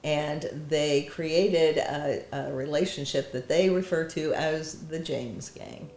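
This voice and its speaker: A woman's voice: low-pitched, slow pace, vocal fry, a little mellow. A woman on a mental health program's staff speaking earnestly and measuredly in an interview. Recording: echoey room.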